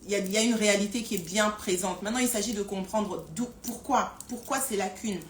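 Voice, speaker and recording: A woman's voice: medium pitch, steady tone, quick pace. Hesitant woman hosting a live stream. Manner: hesitant, many repeated words and fillers. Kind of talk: casual live stream talk. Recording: roomy echo with faint noise.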